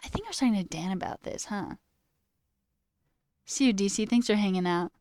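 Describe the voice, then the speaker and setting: Smooth-voiced woman rambling on a stream. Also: mid-range voice, animated, brisk, darkish tone, no room sound. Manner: rambling, tangent-prone storytelling; swears casually, says "like" often. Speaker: livestreamer. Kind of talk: casual chat with live chat. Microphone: headphones with a cord.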